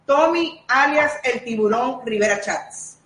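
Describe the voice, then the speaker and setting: A woman's voice: a little high, expressive, a bit bright. Playful woman radio host. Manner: playful, teasing, quick asides and apologies. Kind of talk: casual chat on a radio show. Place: station kitchen. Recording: roomy echo, faint background noise.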